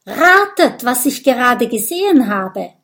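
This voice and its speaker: A woman's voice: a little high, slow pace, a little mellow. A woman voicing a snippy young porcupine girl with a cold, pushy and teasing, in a children's audiobook.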